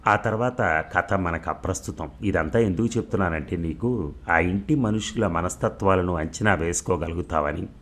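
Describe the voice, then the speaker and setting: A man reading a novel aloud as an audiobook storyteller, in a calm, measured way. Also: low-pitched.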